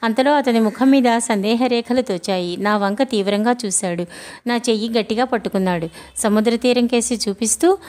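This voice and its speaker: A woman narrating a children's adventure story in a steady, plain storytelling way. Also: a little high, normal speed. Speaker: audiobook narrator.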